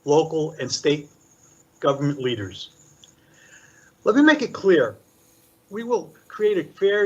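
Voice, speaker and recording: In a dull lo-fi recording of a public meeting, an older Puerto Rican commissioner with a voice on the high side makes a formal prepared statement. He moves through listed points in a measured, deliberate manner.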